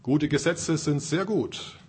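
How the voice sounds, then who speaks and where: A husky-voiced man speaking as the humble, trusting voice of the spirit in a sermon, calm and measured. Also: on the high side, pitched above the performer's own voice. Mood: serene.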